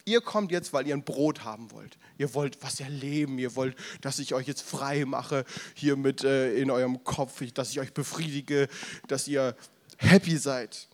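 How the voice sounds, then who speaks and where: A man's voice: mid-range voice, measured pace. A man preaching a casual youth sermon, retelling the story with slang, acting out the crowd's voices and breaking off for asides to the audience. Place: event room with audience, drinking beer.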